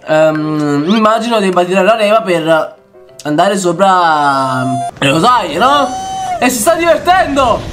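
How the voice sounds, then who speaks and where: A young man doing excited reaction commentary on a video as a YouTuber, often shouting and laughing. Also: sits high, unhurried. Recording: background music under the voice. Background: background music.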